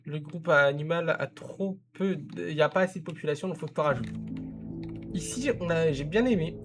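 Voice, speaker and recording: A man with a fairly high voice talks through a zoo-building game, handing out tips in a loose, chatty way. He breaks off often and corrects himself as he goes, speaking into a desk mic. Faint music plays under his talk. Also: normal speed. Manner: chatty, gives advice directly to the viewer, self-correcting. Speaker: game content creator reviewing a viewer's zoo. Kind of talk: casual gameplay commentary.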